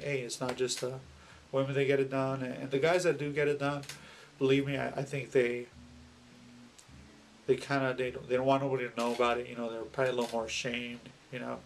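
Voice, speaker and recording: Male vlogger, gravelly mid-range voice, unscripted and halting, casual tone, slight noise behind. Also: mid-range voice. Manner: halting, rambling, with many pauses and self-repeats. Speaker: video blogger. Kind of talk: casual personal vlog talk to camera.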